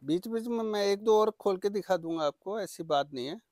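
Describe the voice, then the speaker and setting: A man presenting products for sale in an eager, repetitive teleshopping-style pitch. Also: animated, a little fast, a little mellow, no echo, clean studio sound. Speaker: saree seller presenting products. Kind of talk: product sales demonstration.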